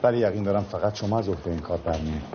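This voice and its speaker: A man's voice: deep voice, natural voice. An actor playing a polite man begging for help with his patient's surgery, in dubbed film dialogue. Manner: polite, pleading. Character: earnest middle-aged man pleading for help. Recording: dull film soundtrack with noise.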